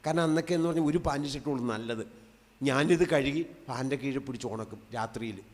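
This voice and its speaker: A man in his fifties, a lay preacher giving an emotional testimony sermon, swinging between loud emphatic cries and soft hushed asides. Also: medium pitch, brisk. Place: large convention hall. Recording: long hall reverb.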